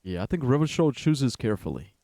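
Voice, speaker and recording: A man's voice: medium pitch, big pitch swings, fairly quick, mellow, dry recording, studio quality. A young man streaming a game, rambling in casual commentary and swearing often. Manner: rambling, profane, says "bro" and "like" a lot.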